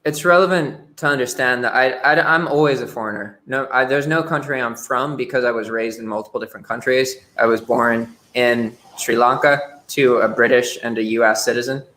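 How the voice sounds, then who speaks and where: A man's voice: mid-range voice, a little fast, hardly any pauses, sharp tone. A young man talking frankly as a podcast guest, often repeating words as he starts a sentence. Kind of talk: casual interview chat.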